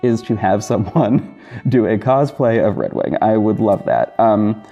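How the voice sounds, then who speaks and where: His voice is gravelly and on the low side, animated but unhurried, and the highs are cut off, with a music bed underneath. A podcast host who also creates audio dramas, he talks casually and alone to listeners in a gushing, informal way.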